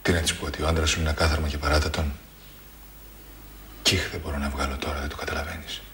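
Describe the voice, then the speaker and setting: A hushed, very deep-voiced clerk. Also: male voice, little pitch movement, slight background noise. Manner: hushed, reluctant. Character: lovesick, cautious clerk. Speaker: actor in TV drama.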